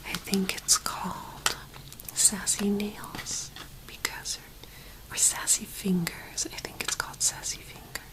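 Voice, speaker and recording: A woman speaking in a soft, hushed whisper, gently presenting an ASMR tapping video. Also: medium pitch, level tone, slow pace, poor audio.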